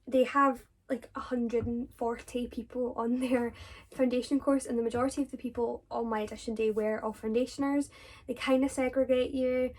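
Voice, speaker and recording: A young Scottish woman who vlogs as a drama student chats casually through viewers' questions, rambling with lots of fillers and self-corrections. Her voice is a little high with a darkish tone.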